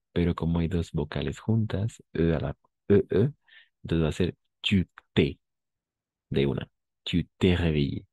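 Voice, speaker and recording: A man teaching a live online class, repeating phrases slowly to drill pronunciation and often checking that his students follow. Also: low-pitched, dark tone, no room sound. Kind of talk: online language lesson.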